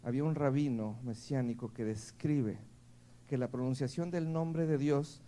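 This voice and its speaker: A man's voice: mid-range voice, moderate pace, mellow. A man with a Mexican accent preaching a sermon at a church service, speaking conversationally and checking in with the congregation again and again. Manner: playful, laughs between points. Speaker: pastor.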